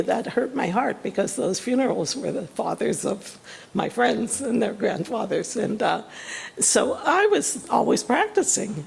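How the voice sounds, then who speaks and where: An older woman from Western Pennsylvania giving a casual, chatty talk as a guest author, self-deprecating and quick to laugh. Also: medium pitch, darkish tone. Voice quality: gravelly, husky.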